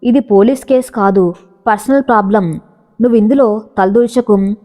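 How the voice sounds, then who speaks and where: A woman's voice: a little high, normal speed, warm tone, lightly acted. A woman voicing a tense, secretive young rich husband in a spoken story, curt and pleading. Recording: reverberant, slightly dull audio.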